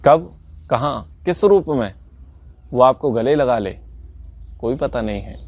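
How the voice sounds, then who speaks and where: A man gives an earnest, sermon-like scripture lesson and drives home each point by repeating it. His voice sits at a middling pitch. The recording is dry, with no room echo. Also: lively intonation, takes it slowly, darkish tone. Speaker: teacher of a scripture class.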